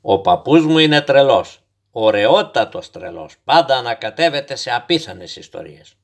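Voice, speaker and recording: A man reading a children's tale aloud at a middle pitch, narrating in an even, measured storyteller's manner that suits a bedtime story. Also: gravelly.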